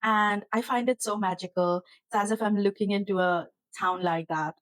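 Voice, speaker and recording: A woman's voice: mid-range voice, steady tone, moderate pace, no room sound, poor audio. A woman hosting her own tarot channel, chatting casually to camera from her kitchen in an earnest, rambling way that turns emotional. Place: home kitchen.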